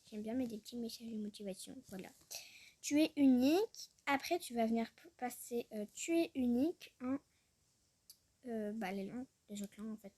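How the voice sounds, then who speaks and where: A young woman chatting casually as a vlogger, trailing off often, giggling, and sounding out foreign words haltingly. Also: fairly high pitch, dark tone. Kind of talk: casual screen-recorded chat.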